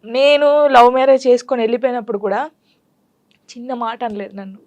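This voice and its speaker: A woman's voice: fairly high pitch, fairly even intonation, darkish tone, muffled recording. A young adult woman talking candidly and emotionally as a guest in a casual interview. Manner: candid, emotional, quick storytelling.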